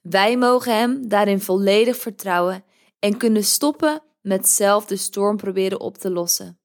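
A woman hosting a podcast, reading a devotional in a gentle, measured way. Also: mid-range voice. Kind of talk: calm scripted devotional reading.

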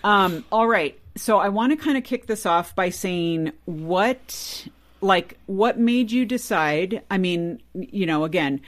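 A woman's voice: on the low side, animated. Chatty woman hosting a radio show. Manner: chatty, quick asides and fillers. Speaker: podcast host. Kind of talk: casual radio show chat.

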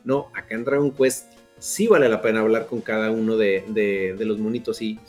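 A man, a podcast co-host, giving a relaxed, slangy wrap-up of a game. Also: lowish voice, moderate pace, soft background music. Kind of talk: casual podcast chat.

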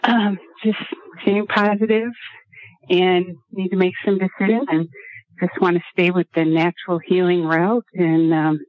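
A woman's voice: fairly low pitch, little pitch movement, unhurried, no echo. Woman radio show caller on speakerphone. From Washington state, USA. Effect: call-in voice over a speakerphone line. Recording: dull, dry phone-line sound.

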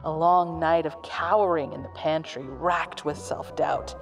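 A woman narrates a scripted podcast sketch in a wry, storybook-like way. Her voice sits a little low, and clear music plays beneath it. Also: steady tone, a little slow. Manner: wry, storybook-style telling.

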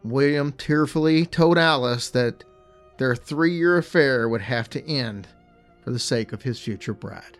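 A man's voice: mid-range voice, unhurried, faint music behind. A man co-hosting a podcast, casually telling a ghost story with chatty, joking asides. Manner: chatty, laid-back, jokey asides.

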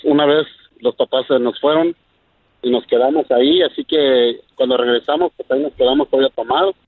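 A male caller with a medium-pitched voice tells a casual story on a radio show. The phone line is narrow and dry. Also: steady tone, a little fast, dry recording. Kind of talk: casual anecdote on a call-in show.

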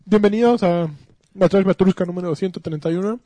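Mexican guy on a podcast, high mellow voice, jokey banter. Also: a little fast, a little hiss or hum. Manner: joking, teasing banter. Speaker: podcast co-host. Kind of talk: casual chat.

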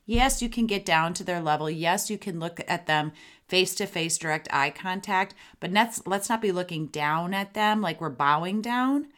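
Middle-aged female podcast host, parenting coach, lower register, chatty, acts out examples. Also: normal speed. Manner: chatty, lively, acts out sample lines to kids. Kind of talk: solo podcast advice talk.

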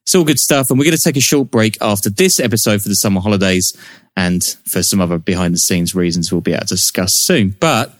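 A man's voice: on the low side, lively intonation, fast talker, no echo, clean studio sound. A man hosting a podcast, moving between scripted narration and introductions. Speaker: podcast host, journalist.

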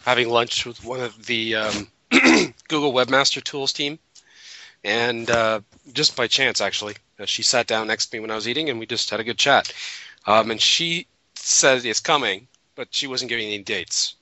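Bright-toned hoarse male radio co-host. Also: medium pitch, normal speed, no echo, lo-fi sound. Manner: rambling, self-correcting, chuckling. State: losing his voice from a cold. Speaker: podcast co-host. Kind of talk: casual radio chat.

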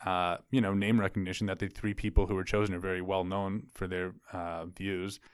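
A man co-hosting a podcast, easygoing and quick to laugh in casual chat. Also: low voice, level tone, clear, resonant tone, dry recording, studio quality. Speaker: podcast co-host.

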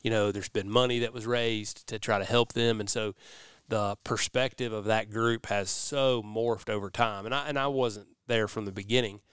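Folksy man podcasting, crisp and close. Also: on the low side, fairly even intonation, normal speed, hardly any pauses, a bit bright, no room sound. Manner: folksy, rambling delivery. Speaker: podcast host. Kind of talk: casual conversational interview. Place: warehouse.

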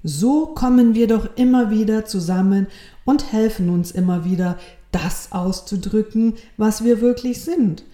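A woman's voice: medium pitch, measured pace, dark tone, close to an everyday voice. A woman voicing a kind, loving friendly soul in a storybook reading, speaking in a reassuring, lilting way. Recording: roomy echo.

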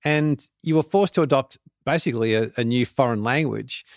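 A podcast host asks curious, thoughtful questions in a conversational interview. His mid-range voice moves at a moderate pace, recorded dry with clean studio sound.

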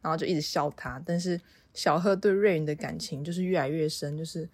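A woman's voice: low voice, steady tone, a little fast, no echo. A woman with a Taiwanese Mandarin accent hosting a podcast, casually retelling a story in a chatty way with many filler particles. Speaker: podcast host.

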